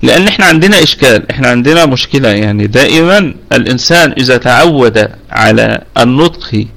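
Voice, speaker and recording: A man's voice: medium pitch, lively intonation, quick pace, creaky, fairly bright tone. A man with an Egyptian accent, patiently explaining Quran recitation rules in an online lesson, slipping between colloquial and formal speech. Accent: Egyptian Arabic.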